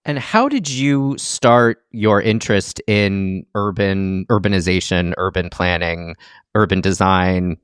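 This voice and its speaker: A man hosting a podcast, reading a smooth introduction and then asking casual questions. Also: deep voice, unhurried, no room sound, clean studio sound. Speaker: podcast host.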